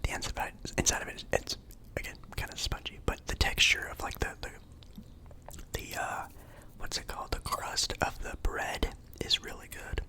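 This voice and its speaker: A man's voice: moderate pace, pushed and bright. A young man whispering casually as an ASMR creator, chatting about food between bites.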